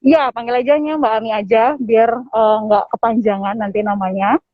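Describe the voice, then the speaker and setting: A woman's voice: fairly high pitch, fairly even intonation, moderate pace, no room sound. A woman from Lombok, Indonesia, chatting casually as an interview guest while speaking through a face mask. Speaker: airline general manager, guest. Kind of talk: casual live interview chat. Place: at an airport. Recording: thin phone-like internet call audio.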